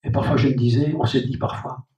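Speaking fast in a mid-range, mellow voice with a steady tone, a man preaches a sermon as pastor. He addresses the congregation directly and repeats key phrases, in a dull, echoey hall recording from a distant mic.

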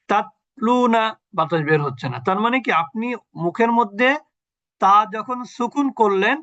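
Over a video call with lo-fi sound, a man with a high, bright and forceful voice teaches an online Quran recitation class. He explains each point step by step, posing questions to the class and then answering them himself.

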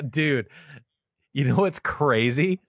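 A man's voice: fairly high pitch, animated, very slow, breathy edge, no echo, studio quality. Upbeat young male podcast host. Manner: upbeat, laughs often, casual slang. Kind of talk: casual podcast chat and ad read.

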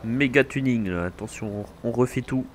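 A man's voice: medium pitch, moderate pace. A man commenting casually while playing a farming game with a friend, often exclaiming. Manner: animated, exclaiming. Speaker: gaming commentator. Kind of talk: casual gaming chat.

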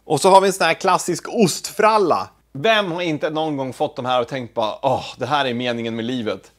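A man hosting a casual home cooking video, talking to the camera while he cooks, with offhand, self-deprecating asides. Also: medium pitch. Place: home kitchen.

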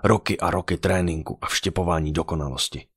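A man narrating a dark fantasy audiobook with dramatic storytelling. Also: deep voice, breathy edge, no echo, studio quality.

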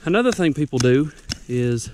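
A young man with a mid-range, slightly mellow voice swings widely in pitch at a normal speed, out of breath as he hunts ginseng on a wooded mountainside. His casual outdoor how-to vlog rambles through folksy tips, with slight background noise in the clip.

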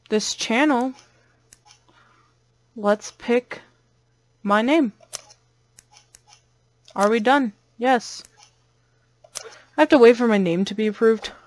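Host: young woman, let's-play commentary, unhurried, playful, a bit jumpy. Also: a little high, no room sound. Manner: playful, chatty, easily startled. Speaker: gaming channel host.

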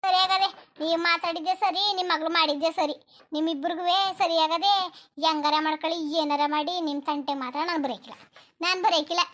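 A fed-up village mother, played by a woman scolds her family on and on in a cartoon. The voice sits very high and bright. She grumbles and lectures without letting up. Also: fairly even intonation, a little fast. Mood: scolding. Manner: scolding, complaining at length. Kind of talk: cartoon voice acting.

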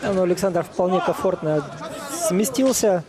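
A man with a high voice analyses a fight as live co-commentator. A loud crowd and arena noise fill the background. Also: expressive, normal speed.

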